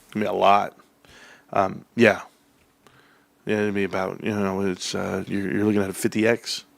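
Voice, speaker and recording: A gravelly-voiced man in his forties hosts a casual livestream, trading between high, hyped outbursts and low, mumbled asides. He keeps calling his viewers bros and guys. The sound is close and dry, with no room around it. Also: moderate pace, no echo. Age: 40s. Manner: hyped, swings into high excited bursts, then low muttering. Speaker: stock livestream host.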